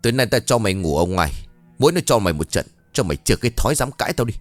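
A man's voice: expressive, a little fast, faint music behind. A man voicing a cruel, abusive pregnant stepmother who scolds harshly. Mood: cold spiteful. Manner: harsh scolding, shrill shouting.

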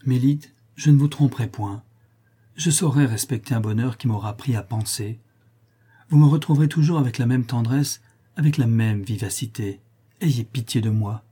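A man voicing an ardent young gentleman who speaks in a fervent, imploring way. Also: mid-range voice, moderate pace, breathy edge, natural voice.

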